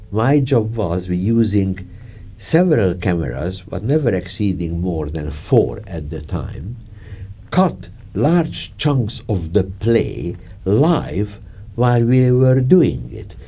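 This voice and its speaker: An older film director, Hungarian-accented, looks back on his work during an interview from an armchair in a dark studio. He talks chattily, chuckling and gesturing, his speech halting and doubling back. His very low voice sounds warm and mellow, with a slight roughness.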